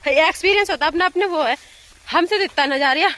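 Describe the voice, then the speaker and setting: Young woman vlogger, high and bright voice, giggly, phone mic outdoors. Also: brisk. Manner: chatty, giggly, addresses viewers as guys. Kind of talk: casual vlog chat outdoors. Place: outdoors in fields, rural. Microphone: phone camera.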